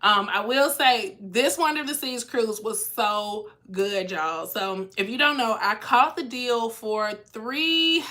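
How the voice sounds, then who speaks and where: A woman's voice: on the high side, slow, few pauses, pushed and bright. A young woman chatting casually on a live stream as a cruise vlogger and travel agent, her voice nasal and congested from a cold. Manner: chatty, reads out viewer comments.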